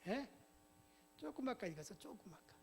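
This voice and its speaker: A male pastor telling a story in an animated sermon and leading the congregation in responses, in a church. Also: high voice, normal speed, creaky, a little hiss or hum. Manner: animated, calls congregation to repeat. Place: church sanctuary. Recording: long hall reverb.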